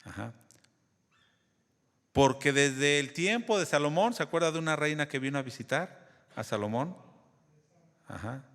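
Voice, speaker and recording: A man's voice: on the high side, animated, unhurried, pauses often, a bit bright, long reverb tail. A man preaching a sermon, teaching in a conversational way and often asking the congregation questions. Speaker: pastor.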